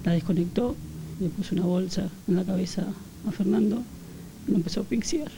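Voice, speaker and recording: A woman with an Argentine Rioplatense accent, recounting a family tragedy in an interview, with halting speech and many fillers. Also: mid-range voice, creaky, warm tone, a little hiss or hum, rough recording. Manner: halting, filler-heavy retelling. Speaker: victim's relative giving testimony.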